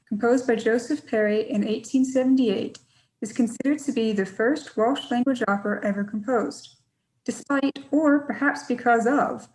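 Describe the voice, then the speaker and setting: A young woman from Georgia, a PhD student, giving a measured, prepared scholarship talk. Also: fairly high pitch, darkish tone, poor audio. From Georgia, USA.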